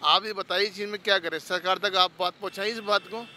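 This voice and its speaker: High, bright man complaining on the street. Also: fairly even intonation, quick pace, slight background noise. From Rajasthan, India. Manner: complaining, listing rising prices. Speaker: street interviewee, day laborer. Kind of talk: street interview. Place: city street outdoors.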